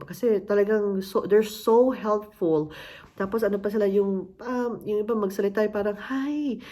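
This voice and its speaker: A Filipino woman with a Filipino accent, telling her story in a casual, conversational way and slipping English phrases into her talk. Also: medium pitch. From Philippines. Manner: conversational, mixes in English phrases, acts out other people's voices. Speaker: interviewee sharing her immigrant story.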